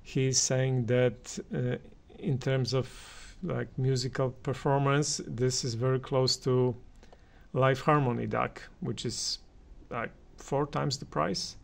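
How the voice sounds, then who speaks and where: An audio reviewer and channel host with a gravelly, creaky, mid-pitched voice gives unscripted opinions on hi-fi gear. He speaks slowly in a steady tone, halting and pausing often as he works out each point.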